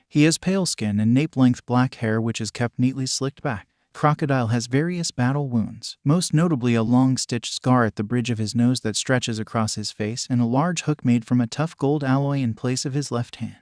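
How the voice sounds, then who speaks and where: A man narrating a fan fiction story in a steady, even reading, with a middle pitch. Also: normal speed, few pauses, no echo, studio quality. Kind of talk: scripted narration.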